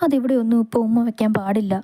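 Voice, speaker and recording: Shy young woman in love, read by a woman, trembling, higher, mellow. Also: quick pace, dry recording, clean studio sound, close to an everyday voice.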